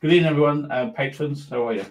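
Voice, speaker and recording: A man's voice: fairly high pitch, very fast, poor audio. A man talking casually to his followers on a livestream in a rambling, pleased-with-himself way.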